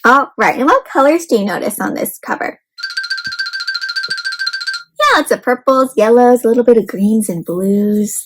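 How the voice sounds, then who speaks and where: Like a warm teacher, this woman reads aloud to children, keeping it simple, cheering them on and posing questions to them. She speaks at a normal speed with frequent pauses in a fairly high voice, while faint music plays behind her.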